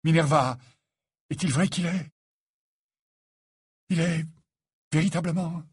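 A man's voice: a little high, slow, slightly rough, no echo, clean studio sound, voice pushed up, exaggerated voice. A man voicing a shaken, dismayed middle-aged father asking anxious questions.

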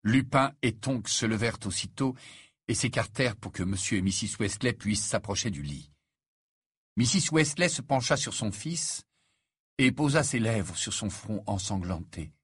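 A man narrating an audiobook with an expressive storytelling delivery. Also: lowish voice, moderate pace, breathy edge, dry recording, clean studio sound. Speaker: audiobook reader.

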